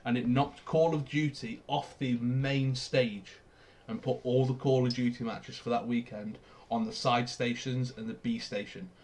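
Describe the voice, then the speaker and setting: A man's voice: mid-range voice, steady tone, normal speed, darkish tone. A young man from Australia co-hosting a casual sports podcast, explaining plays with eager enthusiasm. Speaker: podcast co-host.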